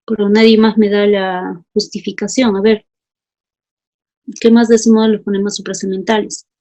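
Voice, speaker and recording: A woman's voice: mid-range voice, little pitch movement, moderate pace, mellow. A woman teacher leading a class, calling on students by name and reading out their answers. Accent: Peruvian Spanish. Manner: calls students by name, asks for justifications.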